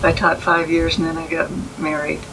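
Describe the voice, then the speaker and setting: An elderly American woman, a veteran remembering her service in a halting way during an oral history interview. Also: low-pitched, monotone, noisy background. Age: 80s or older. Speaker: army veteran being interviewed.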